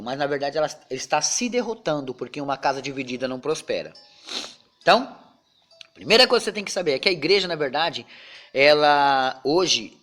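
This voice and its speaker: A pastor with a slightly high voice leads an informal Bible study that includes a prayer. He talks in a chatty way, often closing his phrases with tag questions.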